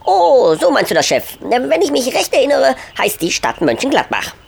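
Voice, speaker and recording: A man's voice: very high-pitched, huge pitch swings, normal speed, gravelly, slightly rough, pitched above the performer's own voice, full character voice. A man voicing a small, cheeky angel boy who sounds sweet, innocent and sly. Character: cheeky little male child angel.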